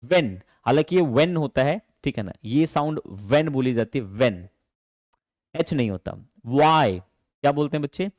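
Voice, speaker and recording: Male online tutor, lively and fond with students; a touch high-pitched, dry and close on the mic. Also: unhurried, dry recording. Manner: animated, affectionate, calls students "my dear children". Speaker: English teacher. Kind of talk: online class in Hindi. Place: teaching from home.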